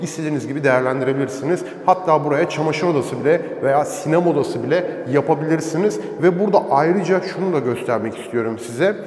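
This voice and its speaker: A man's voice: fairly high pitch, quick pace, hardly any pauses, darkish tone. A man, a real estate agent, giving a sales-style house tour, his voice echoing in an empty basement. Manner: promotional sales talk. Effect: strong echo in an empty basement. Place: empty villa basement, indoors. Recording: echoey bare basement room.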